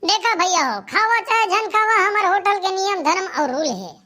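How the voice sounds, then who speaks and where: A voice actor playing a pushy small-town hotel waiter in a cartoon comedy, speaking briskly in a Chhattisgarhi accent. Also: very high voice, big pitch swings, pushed and bright, exaggerated voice. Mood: insistent. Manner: brisk, insistent.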